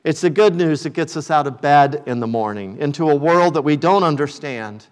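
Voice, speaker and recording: A man preaching a sermon as pastor, with slow, deliberate and emphatic phrasing that drops low and quiet at the close of each point. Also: animated.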